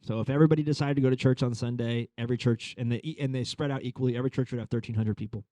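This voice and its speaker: Pastor, thirties, male, from Long Island, chatty sermon delivery with fillers, warm dark voice, dry room. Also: medium pitch, steady tone, racing, no room sound. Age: 30s. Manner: conversational, frequent fillers like "like" and "uh". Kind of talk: sermon storytelling.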